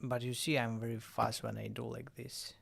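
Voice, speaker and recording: A man streaming a drone-flying game, chatting casually in halting English. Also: mid-range voice, little pitch movement, creaky, fairly bright tone, breathy edge. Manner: halting, self-correcting non-native English.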